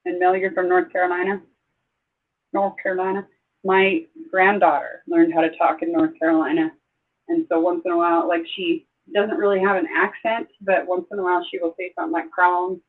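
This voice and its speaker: An older woman hosts a casual livestream, chatty and quick to get excited, with exclamations and rambling asides. Her voice comes through thin and phone-like, as if it were captured on a handset or webcam. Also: lowish voice. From Southeast Idaho, USA. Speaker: livestream host. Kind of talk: casual live-stream chat. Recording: tinny phone-like sound.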